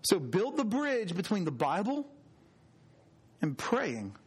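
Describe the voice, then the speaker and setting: A man, preaching a conversational sermon with earnest, drawn-out emphasis on key words. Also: sits high, huge pitch swings, breathy edge. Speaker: pastor.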